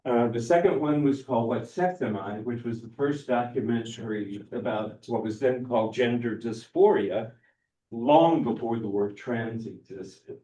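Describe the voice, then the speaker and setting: A man's voice: medium pitch, normal speed, mellow, a little hiss or hum. An older man from Texas, a filmmaker, introducing himself with wry storytelling. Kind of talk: self-introduction at a public meeting. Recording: echoey room, mic far off.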